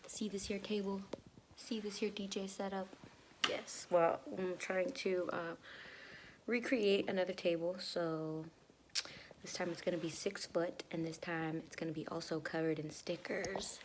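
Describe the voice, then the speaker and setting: Woman, casual vlog chat, slangy and offhand, half-whispered asides, lower voice, clear background noise. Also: steady tone, measured pace. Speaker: vlogger.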